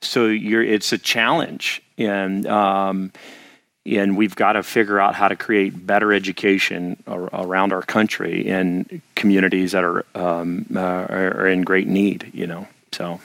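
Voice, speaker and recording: A man's voice: low-pitched, little pitch movement, unhurried, creaky, a bit bright, dry recording. A man from the American South who hosts a discussion and talks reflectively, with many fillers and restarts. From Arkansas, US South. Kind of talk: casual discussion.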